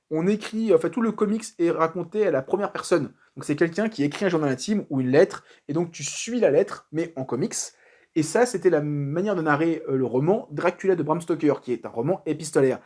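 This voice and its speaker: Guy with a fairly high voice rambling about a comic, loose slangy talk, keeps restarting. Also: a little mellow. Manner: chatty, hesitant, many fillers and restarts; informal slang. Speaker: comics reviewer. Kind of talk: casual video review.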